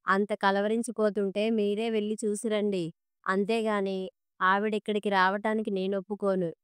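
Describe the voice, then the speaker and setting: A sharp-tongued middle-aged wife needles and scolds with sarcasm in a spoken storybook, voiced by a woman reading the tale. Her voice is very clear and smooth. The sound is dry and close. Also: mid-range voice, little pitch movement, normal speed, dry recording, close to an everyday voice. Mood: scolding. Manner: sarcastic and cutting.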